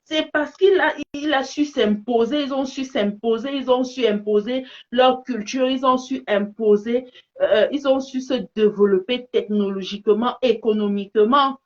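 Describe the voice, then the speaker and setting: Cameroonian French woman, higher voice, forceful repeated points, somewhat dull lo-fi sound. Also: normal speed. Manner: emphatic, repeats key phrases. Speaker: vlogger giving opinions. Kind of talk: passionate monologue to camera.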